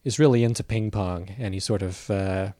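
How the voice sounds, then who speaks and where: A man with a fairly low voice talks through films in a relaxed, conversational way. He is thoughtful and hesitant, often restarting with "uh" and "um." The recording is close and dry. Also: normal speed, no room sound. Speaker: film critic reporting from a festival. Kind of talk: casual conversational review.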